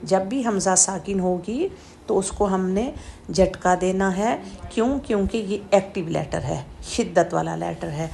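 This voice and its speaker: Slow gravelly woman teaching pronunciation. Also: mid-range voice, dark tone, slight background noise. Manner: demonstrates throat sounds with repeated drawn-out syllables. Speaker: Quran recitation teacher. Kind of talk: slow step-by-step pronunciation lesson.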